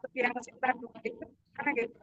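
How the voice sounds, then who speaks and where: A woman's voice: on the high side, fairly even intonation, very fast, a bit bright, lo-fi sound. A woman student asking a hesitant question over a video call, her audio choppy, breaking up and humming. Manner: hesitant, with many fillers. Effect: choppy, humming internet call audio breaking up.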